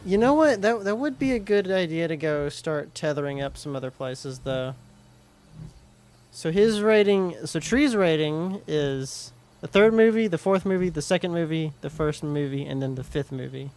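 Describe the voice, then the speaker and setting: A man's voice: lively intonation, normal speed, a little mellow. A man chatting casually while streaming a game, rambling and restarting his sentences. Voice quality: higher voice. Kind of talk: casual gameplay chat.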